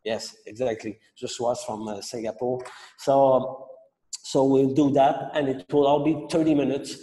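A man with a Quebec French accent hosts an online masterclass, pausing often and restarting his phrases. His voice is mellow and dark. The sound is roomy, with a long reverb trailing behind him. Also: mid-range voice, little pitch movement. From Montreal, Quebec. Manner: halting, many fillers and restarts. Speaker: sake masterclass host.

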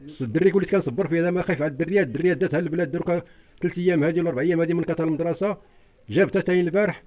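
Older moroccan man pleading in a rush, keeps repeating, voice sits high. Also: racing, dark tone. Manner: urgent, repetitive, pleading. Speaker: interviewee. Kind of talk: distressed eyewitness account.

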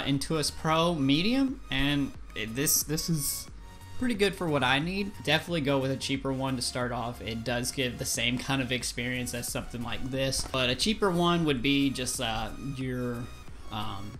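A man's voice: mid-range voice, normal speed, soft background music. Rambling, self-mocking male art teacher. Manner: self-deprecating, distracted, stammers and restarts; yells at noises in outbursts. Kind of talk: casual lesson, rambling and joking.

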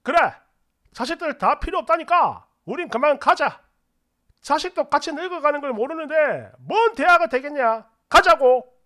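Man playing an enraged eldest uncle, middle-aged, curt shouting, high voice, storybook radio. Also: lively intonation, moderate pace, heavily acted. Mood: angry shouting.

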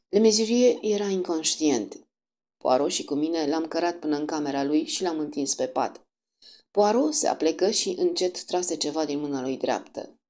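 Woman audiobook narrator, low, mellow and husky, steady measured delivery.

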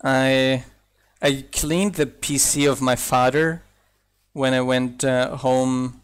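This young mod developer, a native German speaker with a slight accent, streams a building game and thinks aloud in casual chat. His mid-range voice is clear and resonant, with fairly even intonation and a slow pace.

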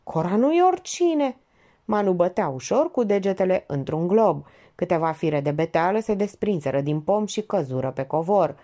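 A woman reading an audiobook aloud in an expressive, dramatic way. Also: lowish voice. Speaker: audiobook reader. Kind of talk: audiobook narration.

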